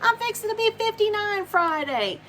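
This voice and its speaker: A woman's voice: very high voice, very animated, moderate pace, a bit bright, a little hiss or hum. A woman, talking casually and encouragingly to camera in a home video. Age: 50s. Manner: upbeat, encouraging, repetitive. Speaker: vlogger. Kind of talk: casual promotional talk to camera.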